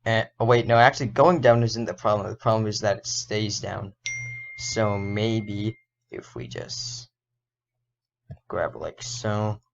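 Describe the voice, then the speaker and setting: A man explaining an animation as a casual tutorial, thinking aloud and correcting himself, his voice a little hoarse. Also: fairly low pitch, slow. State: slightly hoarse. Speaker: indie game developer and animator. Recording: dull lo-fi recording.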